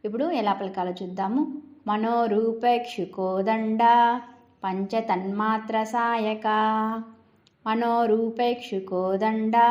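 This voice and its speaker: A woman leads a recitation lesson at a very unhurried pace. She breaks each name into parts and repeats it with careful, deliberate stress. Her voice sits at a middle pitch. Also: muffled recording. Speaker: recitation teacher. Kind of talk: slow step-by-step chanting lesson.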